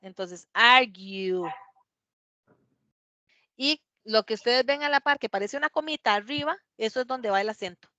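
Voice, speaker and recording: Woman, English teacher, slightly high voice, patient, models words slowly, muffled dry recording. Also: fairly bright tone, no room sound. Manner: patient, explains step by step, asks "¿verdad?" often. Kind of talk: classroom pronunciation lesson.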